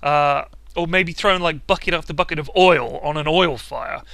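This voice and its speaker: Brief: male comic commentator, very bright tone, slightly high, sarcastic rant, dry close mic. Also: moderate pace, vocal fry, no echo. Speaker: video commentator. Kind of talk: comedic game commentary.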